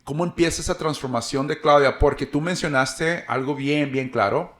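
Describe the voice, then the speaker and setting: A man's voice: fairly high pitch, moderate pace. A man hosting a casual interview podcast, asking long, rambling questions and affirming often. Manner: attentive, frequent affirming ujú, rambling questions. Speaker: podcast host.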